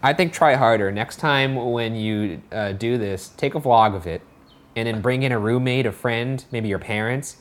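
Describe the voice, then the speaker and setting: A man's voice: medium pitch, normal speed. A man co-hosting a podcast in casual chat, with a laid-back, dry, teasing way of talking. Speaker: podcast co-host.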